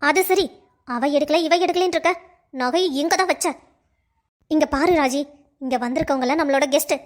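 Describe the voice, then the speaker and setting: A woman's voice: high voice, moderate pace, lightly acted. A woman voicing a proud, scolding mother-in-law in a cartoon, lecturing sharply. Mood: stern. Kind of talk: cartoon voice acting.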